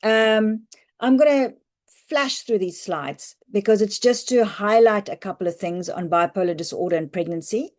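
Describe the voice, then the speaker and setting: A woman physician teaches on a video call, her voice hoarse and croaky. She explains clinical points in a practical, reassuring way. Her delivery is loose and conversational. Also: mid-range voice, normal speed, darkish tone. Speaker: family physician presenting a webinar. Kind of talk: online medical teaching talk. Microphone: computer mic on a video call.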